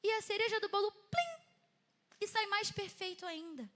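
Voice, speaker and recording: Young Brazilian woman, 20s, lively church speaker; very bright, sharp tone, chatty sermon delivery. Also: very high voice, fast talker. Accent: Brazilian Portuguese. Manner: lively and chatty, laughs often between points. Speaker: speaker at a women's church event. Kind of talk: sermon testimony to a live audience.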